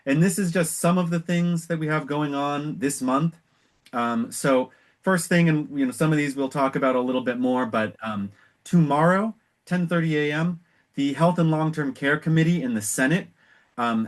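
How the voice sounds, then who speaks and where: An American man speaking as an organization's director, giving an informal, explanatory meeting presentation with measured phrasing and trailing pauses. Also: medium pitch.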